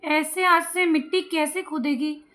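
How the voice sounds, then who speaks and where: Brief: a woman doing a bossy talking mound, high and insistent. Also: fairly even intonation, unhurried, a bit bright. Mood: demanding. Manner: demanding. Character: stubborn earth mound.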